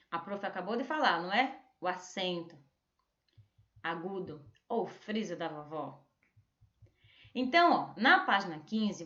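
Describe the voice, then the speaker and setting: A Brazilian woman teaching a remote lesson, drawing out words slowly to show stressed syllables. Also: medium pitch, fairly bright tone. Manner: slow, drawn-out word modelling with stressed syllables. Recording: echoey room, dull lo-fi sound.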